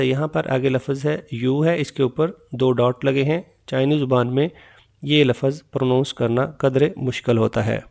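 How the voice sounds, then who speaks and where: A man's voice: medium pitch, vocal fry, a little mellow. A man teaching a pronunciation lesson, patiently drilling sounds and asking listeners to repeat after him. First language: Urdu. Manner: slow, patient, repeats each sound several times. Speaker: language teacher.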